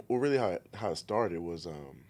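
A man speaking as a podcast guest in casual chat, laid-back and halting as he explains things. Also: low-pitched, sing-song, gravelly, darkish tone. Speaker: podcast guest, trainer and massage therapist.

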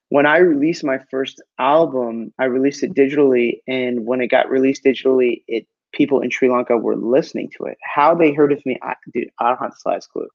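A man from Los Angeles talking casually as a guest on a podcast, relaxed and chatty, often saying "man" and "like.". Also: mid-range voice, dry recording, lo-fi sound. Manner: laid-back and chatty, says "man" and "like" a lot. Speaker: guest actor and musician. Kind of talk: casual interview chat.

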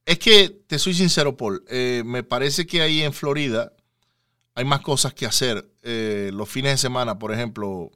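A man hosting a Spanish-language podcast interview, casual and halting, with lots of fillers and repeated words. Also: medium pitch, sharp tone, clean tone, no echo, studio quality. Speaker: podcast host. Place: lives near Houston, Texas.

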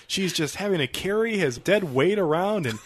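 A man's voice: high-pitched, expressive, moderate pace, noisy background. A man hosting a film podcast in casual, conversational discussion. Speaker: podcast host.

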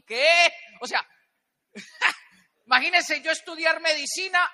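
A man's voice: extremely high pitch, sharp tone. A man giving an emphatic motivational talk on stage, firing rhetorical questions at the audience. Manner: emphatic, rhetorical questions, acts out little dialogues. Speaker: motivational business speaker. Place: large event hall with a live audience. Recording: long hall reverb.

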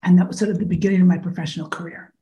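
Talking very fast, this Iowa woman in her fifties has a fairly low, dark voice with fairly even intonation. As an interview guest in a conversational exchange, she is thoughtful and candid, and small fillers crop up often.

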